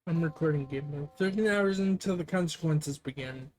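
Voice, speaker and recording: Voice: mid-range voice, normal speed, faint music behind. Sarcastic streamer reading a game aloud. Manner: sarcastic, swears and mutters asides. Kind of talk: live game read-through with commentary.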